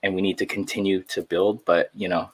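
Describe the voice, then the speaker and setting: A man with a very deep voice talks as a guest on a casual podcast. He grew up in San Jose after being born in the Philippines. His delivery is loose and conversational, dotted with fillers. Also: flat delivery, fairly quick, a crowd in the background. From Philippines, raised in San Jose, California. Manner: laid-back, easygoing, full of fillers like "you know what I'm saying". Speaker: podcast guest, artist and musician.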